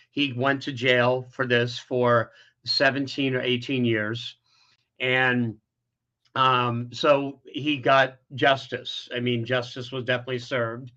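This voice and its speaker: A man's voice: medium pitch, sharp tone, muffled recording. A middle-aged man, an interview guest, candidly telling a painful personal story with many restarts.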